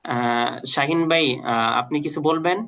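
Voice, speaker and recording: A man teaching an online Quran reading class, patiently repeating letter sounds slowly for his students. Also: on the high side, fairly bright tone, smooth.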